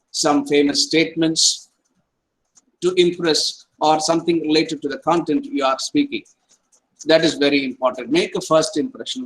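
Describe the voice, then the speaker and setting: A man's voice: on the high side, rough recording. A middle-aged man, an academic counsellor giving an online lecture and tagging his points with "right?" and "okay". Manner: repeats points, tags sentences with "right?" and "okay".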